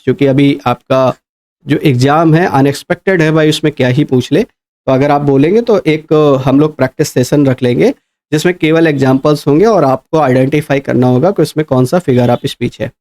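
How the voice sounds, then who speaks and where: A male teacher with a slightly high voice. He explains step by step in a patient lecture style. He slows right down whenever he reads an example sentence aloud. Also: darkish tone. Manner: explains patiently, asks "है ना?" often, reads English quoted sentences slowly. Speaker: English teacher. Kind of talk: exam-prep lecture.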